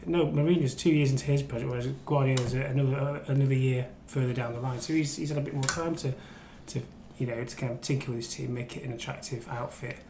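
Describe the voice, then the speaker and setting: In an echoey room with a little background noise, a crime reporter on a podcast talks football in a loose, rambling way, teasing others and going over the same points repeatedly. His voice is mid-range and steady, and he speaks quickly with hardly a pause.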